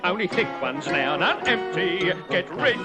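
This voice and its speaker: A sly older thief-master, seeing off his young pickpockets with a jaunty music-hall number. His voice sits high and swoops widely over the notes, and he takes his time with each line. A loud orchestral film soundtrack plays under him. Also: very animated. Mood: jaunty sing-song. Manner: singing a jaunty, drawn-out music-hall tune.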